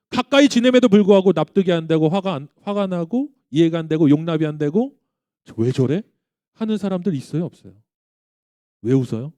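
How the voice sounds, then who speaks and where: A man in his thirties preaching in a church, his mellow voice rising and falling as he tells a story and quizzes the young congregation. He acts out the lines of the people in his story. The sound is close and dry. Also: high-pitched, no echo. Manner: animated storytelling, asking the audience questions; acts out quoted dialogue in his stories. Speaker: pastor. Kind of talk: sermon to a youth congregation.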